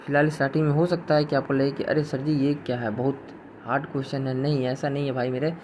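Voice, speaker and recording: A man giving a recorded accounting lecture at a medium pitch. He talks in a loose, chatty way, drops English terms into his sentences and answers his students' doubts before they ask. A faint hum sits under his voice. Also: level tone, fast, a little mellow. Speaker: accounting teacher.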